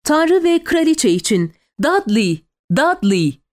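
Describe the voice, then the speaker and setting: A woman voicing a tense young woman in a besieged town, shouting urgent orders. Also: medium pitch, big pitch swings, takes it slowly. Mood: rousing.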